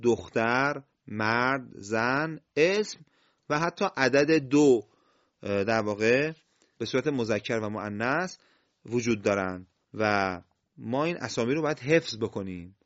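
A man teaching the rules of Quran recitation, explaining step by step, quizzing his listeners and reading example words slowly. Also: medium pitch, animated, a bit bright. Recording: slightly dull lo-fi recording.

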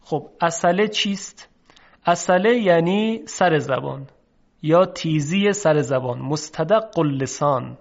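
A man teaching how to pronounce Arabic letters, speaking slowly and deliberately and repeating each sound for the listener to practice. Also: on the high side, lively intonation, vocal fry. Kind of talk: recorded pronunciation lesson. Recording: dull lo-fi recording.

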